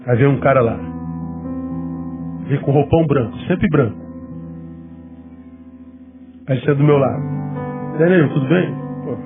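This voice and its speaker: A man with a Brazilian accent preaching an emotional sermon as a pastor, his voice breaking with tears at its peaks and sinking low and quiet between them. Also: fairly quick. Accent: Brazilian Portuguese. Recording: tinny lo-fi recording with faint guitar. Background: soft guitar music.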